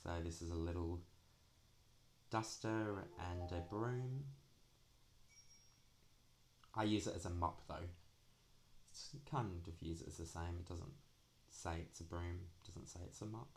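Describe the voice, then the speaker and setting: A man's voice: deep voice, measured pace, a little hiss or hum. A young man chatting casually through a craft walkthrough, dragging out his s sounds. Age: young adult. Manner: drags out the s sounds. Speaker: craft planner vlogger.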